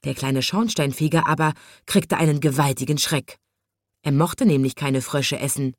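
A woman reads a children's story aloud in a gentle, even way. Her voice sits fairly low for a woman and is recorded close and dry, with no room sound. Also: moderate pace, dry recording.

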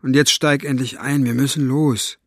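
A man's voice: mid-range voice, steady tone, moderate pace, a bit bright, no room sound, clean studio sound, pitched above the performer's own voice. A man playing a tense, reticent father who answers curtly and firmly.

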